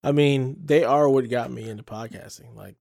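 Male podcast host, easygoing and chatty, medium pitch. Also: normal speed, creaky, dark tone. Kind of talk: casual podcast chat.

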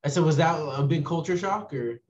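Halting man hosting a podcast. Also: fairly high pitch, expressive, a little mellow, lo-fi sound. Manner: halting, many fillers and restarts. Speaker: podcast host. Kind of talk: casual podcast chat.

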